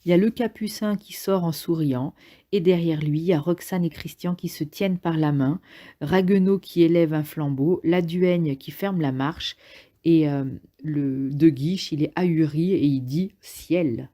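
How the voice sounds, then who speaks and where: A woman's voice: low voice, moderate pace, dark tone. A woman casually summarizing a play aloud, hesitant and thinking as she goes, with frequent fillers. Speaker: literature summarizer.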